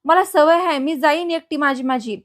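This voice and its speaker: A woman's voice: sits high, normal speed, natural voice. A woman voicing a blind young woman who teaches physics, plain and matter-of-fact.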